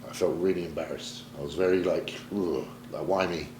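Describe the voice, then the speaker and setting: A man's voice: low-pitched, fairly even intonation, brisk, noisy background. A man from Britain, a pro bodybuilder, talking candidly and emotionally in a sit-down interview, swearing casually as he reflects. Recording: roomy echo, faint ambience.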